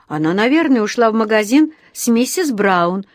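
A woman's voice: fairly high pitch, animated, moderate pace, no room sound, studio quality, natural voice. Woman voicing an earnest little bear cub. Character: small polite bear cub, earnest and naive.

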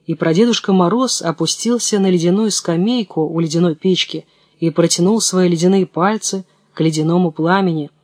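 A man with a fairly high voice reads a fairy tale aloud in a calm, even way. The sound is close and dry, with no room around it. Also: fairly quick, no room sound. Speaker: narrator. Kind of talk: storybook narration.

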